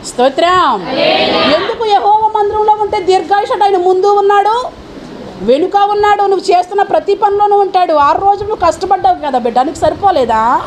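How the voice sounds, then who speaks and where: High-voiced woman preaching a fervent sermon. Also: slight background noise. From India. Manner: fervent, questioning the congregation. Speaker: pastor.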